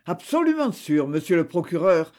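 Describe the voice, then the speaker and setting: A man's voice: fairly high pitch, sing-song, moderate pace, a little mellow. A man voicing a dutiful police officer. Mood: firm.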